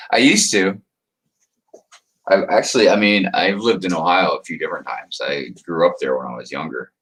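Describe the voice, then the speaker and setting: The recording quality is low as a man from the United States runs a livestream, chatting casually, reading viewers' comments aloud, and calling them by name with plenty of rambling and chuckles. His voice sits low and is a bit bright, moving at a moderate pace with frequent pauses.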